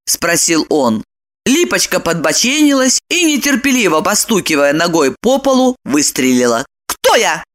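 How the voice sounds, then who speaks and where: Lively woman reading a story aloud. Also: lowish voice, normal speed. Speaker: narrator. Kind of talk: scripted audiobook narration.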